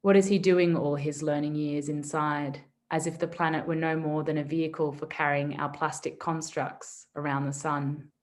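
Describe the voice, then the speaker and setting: Low, even-voiced woman solemnly reading poetry. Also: moderate pace, hardly any pauses. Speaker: poetry reader.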